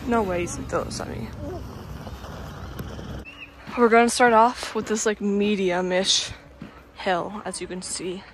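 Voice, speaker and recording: A teenage girl vlogs casually on her handheld phone, speaking to viewers in a whispery, hushed morning voice at home and later turning bubbly and excited outdoors in the snow. Her voice is mid-range, at a measured pace with frequent pauses, and background noise is present.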